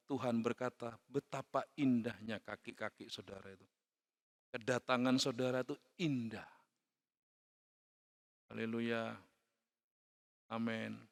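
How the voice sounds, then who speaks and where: A man preaching a sermon as pastor, mixing in words and swinging from soft asides to loud calls. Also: mid-range voice. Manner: mixes Javanese words into Indonesian, frequent "saudara" and "ya kan". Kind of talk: church sermon. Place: church hall. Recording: long reverb of a church hall.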